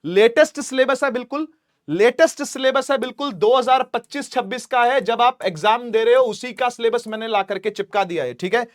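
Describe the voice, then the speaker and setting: A man's voice: extremely high pitch, fairly quick, no echo, clean studio sound. A man teaching a physics class online, chatty and repetitive, often checking that students follow. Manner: chatty, addresses students as beta, repeats "theek hai".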